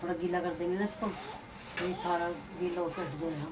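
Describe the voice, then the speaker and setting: A woman's voice: on the low side, level tone, fairly quick, far from the mic. A young woman, a mother vlogging at home, chatting casually and talking in a playful sing-song way to her little daughter. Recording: loud background noise.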